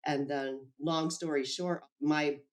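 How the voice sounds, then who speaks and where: Animated woman recounting events in an interview. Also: sits low, slow pace. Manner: animated, acts out quoted dialogue, laughs often. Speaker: whistleblower guest. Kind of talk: interview storytelling.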